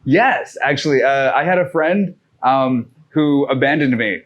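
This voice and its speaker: The recording is muffled, carrying a mid-range male voice in no hurry. He hails from the North Shore of Massachusetts and, guesting on a podcast, rambles through a long story in relaxed chat, cursing freely, using fillers, and restarting sentences.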